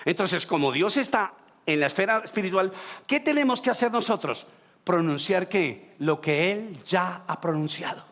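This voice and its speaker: A man preaches a sermon to his congregation. He keeps asking the church for an amen, rising to loud, urgent proclamations and dropping back to quiet asides. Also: high-pitched, lively intonation, moderate pace. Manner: calls for amen often, swings loud and soft. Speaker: pastor.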